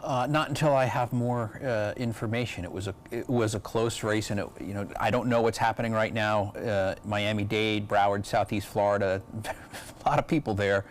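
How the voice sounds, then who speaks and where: A man giving halting, fragmented commentary as an election night analyst. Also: on the low side, fairly even intonation, slight background noise.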